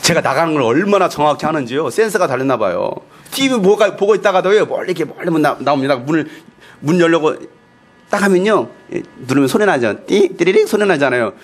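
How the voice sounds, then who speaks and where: A male pastor preaching a sermon, animated and playful, telling stories and acting out quotes. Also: a little high, quick pace.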